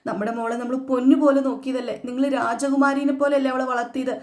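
A worried, tearful mother, as a woman voices her, her words tumbling out quickly. The sound carries an echoey room around it. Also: sits high, fairly even intonation, darkish tone, natural voice. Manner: tearful, pleading. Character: grieving worried mother, middle-aged.

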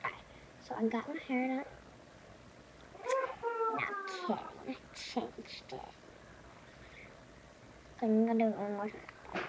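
A young woman does a playful face-filter monologue on her webcam in a small room, babbling goofily about her appearance. Her fairly high voice swings widely in pitch, moving slowly with long pauses, captured in a noisy webcam recording.

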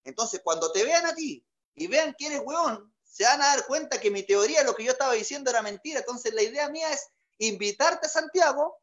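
A man's voice: very high-pitched, animated, a little fast, fairly bright tone, dull audio. A man with a Chilean Magallanes accent, a comedian telling a story in a chatty way with crude slang and boastful jokes. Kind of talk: stand-up comic storytelling.

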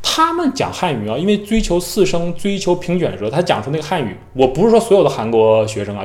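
A man who teaches Chinese, talking casually and mimicking how his students pronounce words. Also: on the high side. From mainland China. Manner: lively, imitates students' careful tones and slow syllables. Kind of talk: casual talk to camera. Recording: echoey room.

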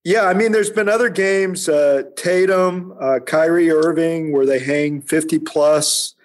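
A man with a fairly high voice joins a casual sports podcast. He talks haltingly, pausing with fillers as he searches for words. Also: steady tone.

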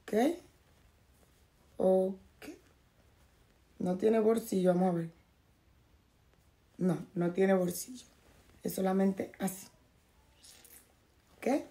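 Hoarse, gravelly-voiced woman unboxing clothes. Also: mid-range voice, steady tone, drawn-out words, long pauses, dark tone. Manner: chatty, talks straight to viewers. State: hoarse, losing her voice. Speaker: fashion vlogger. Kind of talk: casual clothing haul unboxing. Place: at home, in a bathrobe.

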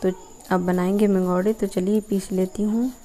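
A woman's voice: medium pitch, level tone, normal speed, mellow. A young woman from Uttar Pradesh, India, explaining each step as she cooks in a rural courtyard. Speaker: village cooking vlogger. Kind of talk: casual cooking narration.

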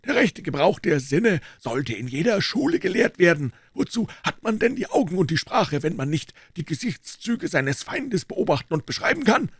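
A man voicing an old male doctor who speaks in a calm, persuasive, clinical way. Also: high voice, moderate pace, few pauses, husky, no echo, clean studio sound, voice pushed up, heavily acted.

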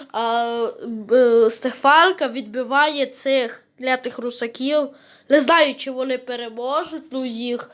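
A woman giving reaction commentary to viewers, hesitant and full of fillers. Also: high voice. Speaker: video reactor.

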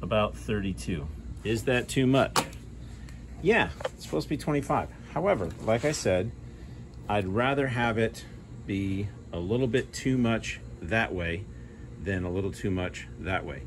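A middle-aged man talks through his project in a garage, his deep, low voice explaining each step as he thinks aloud. The recording comes from a camera held while he works. A faint hum of background noise sits behind him. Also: expressive, a little slow. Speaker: hobby car restorer. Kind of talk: casual workshop narration.

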